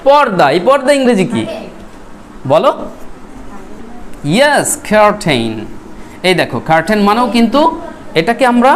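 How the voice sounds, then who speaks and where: A teacher leads a vocabulary class, spelling words letter by letter and tossing questions to the students. The voice sits at an ordinary middle pitch. A faint hum of the classroom stays underneath. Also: sing-song, a little slow, long pauses.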